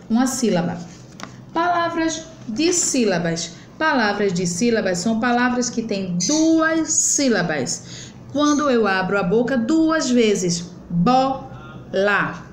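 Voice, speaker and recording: A woman's voice: fairly high pitch, darkish tone, slight background noise. A young adult woman teaching children grammar, stretching words out syllable by syllable in a patient, explanatory way. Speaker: primary school teacher. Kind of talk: online grammar lesson for children. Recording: echoey room.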